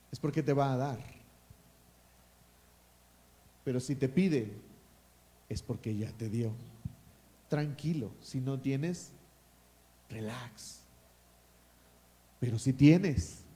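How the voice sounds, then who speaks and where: A man with a Mexican accent delivers a sermon as pastor, his voice sitting high for a man. He preaches emphatically, drops into quiet asides and then rises to loud declarations, and he calls for responses from the congregation.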